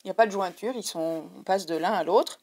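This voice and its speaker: A woman's voice: medium pitch, a little fast, a little mellow. A woman with a French accent, chatting casually to her viewers in a craft haul video, digressing often. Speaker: craft vlogger.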